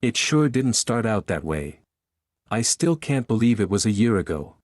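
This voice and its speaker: A man's voice: lowish voice, big pitch swings, normal speed, a little mellow, no room sound, studio quality. A man voicing an affectionate, wealthy boyfriend in an audiobook romance.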